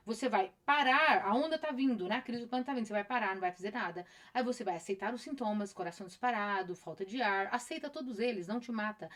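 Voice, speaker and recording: A middle-aged woman therapist with a Brazilian Portuguese accent, talking casually on a live stream, repeating phrases and acting out her patients' voices. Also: a little high.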